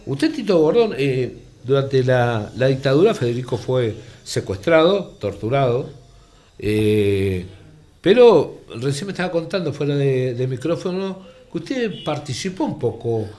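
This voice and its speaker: A man's voice: mid-range voice, measured pace. An older man with a Rioplatense Argentine accent, a former teacher and journalist, telling anecdotes as an interview guest and acting out the voices in them. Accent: Argentine Rioplatense Spanish. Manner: animated, acts out the voices in his stories. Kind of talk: anecdotal storytelling.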